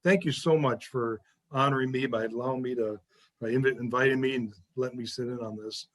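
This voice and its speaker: A man speaking with halting emotion and gratitude as a guest on a video call. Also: medium pitch, steady tone.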